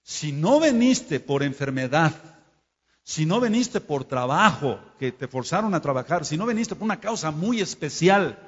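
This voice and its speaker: A man's voice: fairly high pitch, big pitch swings, normal speed, slightly rough. A man preaching a Torah study sermon, scolding and speaking straight to his listeners, and stopping to spell out and explain Hebrew terms. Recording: dull lo-fi sound in a reverberant hall.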